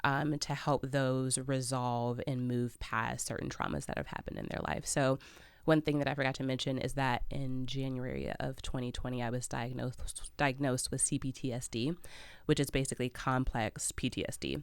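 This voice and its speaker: Her very deep voice is gravelly yet clear and resonant, delivered flatly at normal speed in studio-quality audio without room sound. This Chicago podcast guest talks candidly and reflectively about her life, laughing off the hard subjects.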